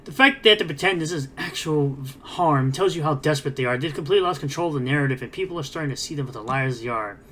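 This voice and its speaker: Scornful male commentator over clear noise. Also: fairly high pitch, fast, hardly any pauses, sharp tone. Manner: mocking, scornful. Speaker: host of a commentary video. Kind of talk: drama commentary, reading posts aloud and reacting. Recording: clearly noisy background.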